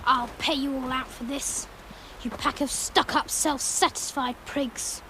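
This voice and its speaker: An actress playing a sullen, spiteful British schoolboy in a radio drama. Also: female voice, high voice, fairly even intonation, measured pace, background noise. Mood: spiteful, sulky.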